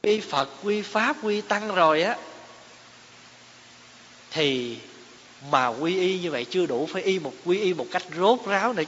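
Guy teaching buddhism, kinda high voice, echoey hall, muffled with hiss. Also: fairly bright tone. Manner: explains terms, poses rhetorical questions to listeners. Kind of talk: dharma talk. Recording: echoey hall, dull lo-fi sound, faint hiss.

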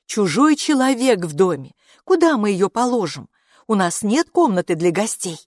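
A woman's voice: medium pitch, sing-song, moderate pace, no room sound, studio quality, pitched above the performer's own voice. A woman reading an audiobook, voicing an indignant, worried mother who protests sharply. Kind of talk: audiobook character voice.

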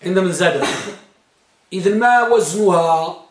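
Speaking a little slowly in a voice that sits high, a man teaches Arabic grammar in an echoey room. He stretches out words for emphasis while quizzing the class in a question-and-answer drill.

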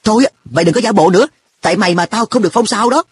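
A man voicing an earnest, quick-tempered schoolboy in a storybook reading, speaking with a raised, indignant boyish tone. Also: on the high side, expressive, a little hiss or hum, close to an everyday voice.

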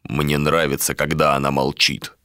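A curt, commanding warrior captain speaks in a lowered, heavy voice, as a male narrator puts him on. Each line is short and final, as if nothing is up for debate. The recording is close and dry. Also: monotone, moderate pace, pushed and bright, clear, resonant tone, no echo, exaggerated voice. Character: stern harsh male sea captain and warrior.

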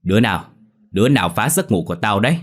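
A man voicing a cranky, cowardly old male ghost who grumbles loudly and fast. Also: lowish voice, close to an everyday voice. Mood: grumpy.

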